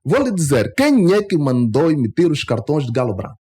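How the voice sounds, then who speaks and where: A man with an Angolan Portuguese accent, speaking as a guest in a radio studio interview, emphatic and climbing sharply in pitch when he is indignant. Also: sing-song, fairly quick, warm tone. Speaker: interview guest, party member.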